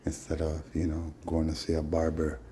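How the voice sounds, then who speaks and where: A man speaking in Rastafarian patois, rambling casually in a drawn-out, preachy way with frequent tag phrases. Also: very deep voice, monotone, warm tone, a little hiss or hum. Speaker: host. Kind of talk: casual rambling vlog monologue in Rastafarian speech.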